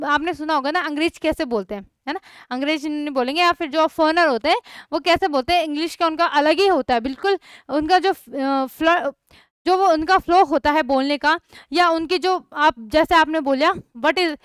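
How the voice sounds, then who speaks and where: Young woman chemistry tutor, high bright pitch, dry close sound, quizzes the class. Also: no echo. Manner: repeats questions to students, checks understanding often. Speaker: chemistry teacher. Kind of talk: online class lesson.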